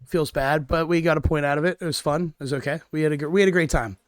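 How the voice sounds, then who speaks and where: A man co-hosting a podcast, hoarse and raspy from a cold, easygoing and self-mocking. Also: a little high, fairly even intonation, fast talker, no echo, clean studio sound. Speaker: podcast co-host. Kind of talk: casual chat.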